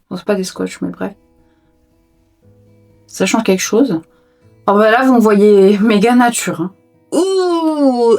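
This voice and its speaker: A young woman chatting casually to her viewers while she sorts books in her room at home, joking about herself as she goes. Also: medium pitch. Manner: chatty, self-mocking, talks to viewers while sorting books. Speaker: booktuber tidying her reading room. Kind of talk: casual vlog chat while tidying.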